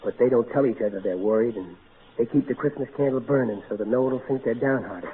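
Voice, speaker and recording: Heard through a hissy, tinny, narrow vintage radio broadcast, a male actor talks fast at a medium pitch, close to his everyday voice. He plays a folksy, exasperated, big-hearted working-class everyman of middle age, blustery, earnest and ungrammatical, in a gentle and somber mood.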